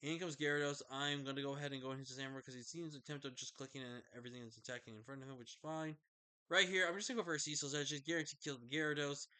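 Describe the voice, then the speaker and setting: A man's voice: medium pitch, steady tone, racing, bright, forceful tone, clean tone. A man giving casual commentary over his own online game match, sleepy and yawning late at night, talking in a loose, chatty way with fillers and self-corrections.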